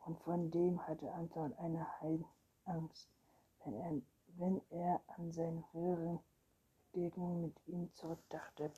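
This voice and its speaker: A woman reading a children's storybook aloud with calm, measured narration. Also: fairly low pitch, breathy edge, lo-fi sound. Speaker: reader.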